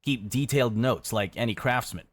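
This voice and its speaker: Scripted narration addressed to "you" is delivered by a man in a steady, matter-of-fact tone, his voice mid-range.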